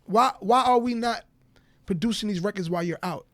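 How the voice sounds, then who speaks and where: A guest rapper on a podcast talks candidly in a high, brisk voice with a Southern US accent, recorded dry. He stutters and repeats his points in short bursts, leaning on phrases like "bro" and "real shit."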